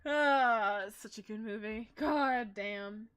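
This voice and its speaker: A woman's voice: fairly high pitch, slow pace, fairly bright tone, clear, resonant tone. A young woman streaming as a VTuber, chatting casually while she paints, rambling and laughing often.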